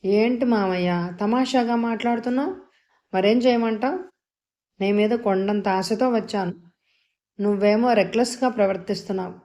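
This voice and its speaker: A woman voicing a defiant, sharp-tongued young woman doctor in an audio novel, speaking with scorn. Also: medium pitch, moderate pace, lightly acted. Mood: mocking. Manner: scornful, scolding.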